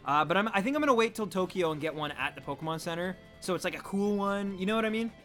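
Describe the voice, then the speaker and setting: A man chatting casually on a live stream, reading out chat in an animated, talkative way. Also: sits high, fast, faint music behind.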